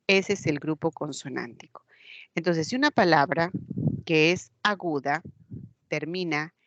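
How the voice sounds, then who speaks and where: A woman teacher with a Peruvian Spanish accent walks her online class through each point slowly and patiently, often checking that they follow. Her voice sits on the low side. The sound is dry and close, though dull and lo-fi. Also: a bit bright, no room sound. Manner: patient, explains step by step, checks with "¿ya?". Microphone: computer mic in a video class.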